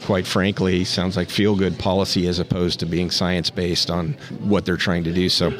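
A rancher appearing as a guest on a podcast talks in a casual interview, a crowd audible behind him. His deep voice is flat and moderately paced, and he rambles thoughtfully, often restarting sentences.

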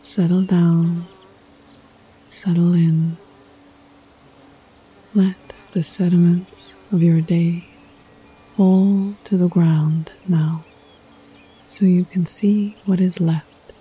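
Over background music, a woman guides a meditation in a soft, breathy voice that often drops close to a whisper. Her pitch sits on the low side and her tone stays level, hushed, soothing and unhurried, with poetic, scripted phrasing.

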